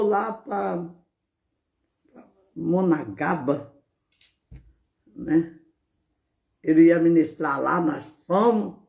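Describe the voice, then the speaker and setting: A woman preacher giving a fervent testimony, often breaking in with words of praise and now and then shouting out. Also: mid-range voice. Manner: bursts into shouted exclamations. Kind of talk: fervent spoken testimony on a live stream.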